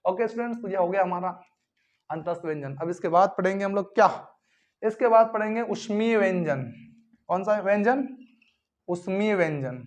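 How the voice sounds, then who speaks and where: A man's voice: high voice, moderate pace, pauses often. A man teaching a classroom lesson who drills sounds aloud over and over and keeps asking his students questions. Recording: dull lo-fi recording.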